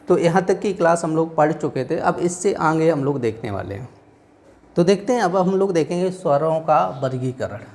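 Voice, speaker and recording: With a fairly high, darkish-toned voice, this man teaches a class in a northern Indian Hindi accent. Throughout the lecture he keeps testing his audience with rhetorical questions.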